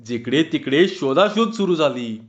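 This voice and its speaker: A man reading a humorous short story aloud in a slow, measured storytelling manner. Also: fairly high pitch, expressive. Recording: dull lo-fi recording.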